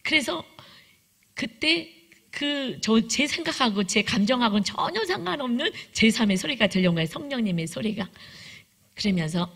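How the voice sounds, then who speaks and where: Woman giving a sermon testimony in church, gravelly kinda husky voice, tells it vivid. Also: fairly high pitch, animated, moderate pace, a bit bright. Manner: vivid storytelling, acting out quoted prayers and voices. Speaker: preacher. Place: church sanctuary.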